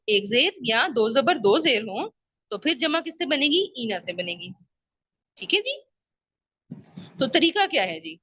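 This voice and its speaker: A woman's voice: fairly high pitch, fairly bright tone, no echo, muffled recording. A woman teaching an Arabic grammar lesson. She patiently repeats her questions and checks that her students understand.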